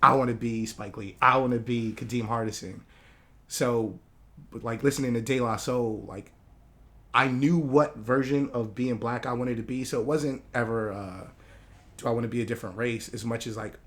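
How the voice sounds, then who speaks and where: A man who grew up in Hawaii, a guest artist talking in a casual interview, relaxed and rambling with many fillers. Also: mid-range voice, moderate pace.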